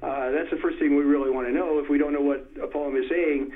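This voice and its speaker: A man with a fairly high voice explains poetry over a tinny phone line. He talks in a thoughtful, hesitant way, full of pauses and fillers. When he recites verse he slows down and stresses each beat. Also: steady tone. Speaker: poetry expert guest. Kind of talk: conversational interview.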